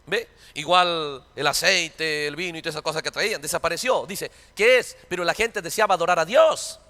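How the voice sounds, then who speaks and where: A man preaching a fervent sermon, often asking his congregation if they understand and shouting at high points. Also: normal speed, in a large hall. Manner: fervent, repeats "¿Entiende?" to the congregation, shouts at peaks. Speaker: pastor.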